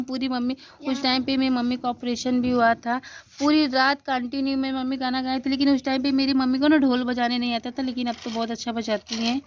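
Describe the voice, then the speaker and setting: A young woman talks through a photo album in a relaxed, chatty way, pausing on fillers as she explains each moment. Her voice sits a little high but stays fairly level in tone. A faint hiss lies under her phone recording at home. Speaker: vlogger. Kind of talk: casual narration of a photo album.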